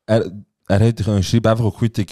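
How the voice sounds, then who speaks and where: Ein junger Mann aus der Schweiz mit Schweizerdeutschem Akzent, Co-Host eines Podcasts, der trockene, witzige Kommentare einwirft. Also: male voice, on the low side, level tone, quick pace, warm tone. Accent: Swiss German. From Switzerland. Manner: dry joking interjections, playful. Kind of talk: casual chat.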